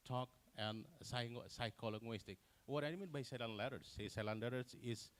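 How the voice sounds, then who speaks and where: Halting man presenting research. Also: mid-range voice. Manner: halting, many fillers and restarts. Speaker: conference presenter. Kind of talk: academic conference presentation.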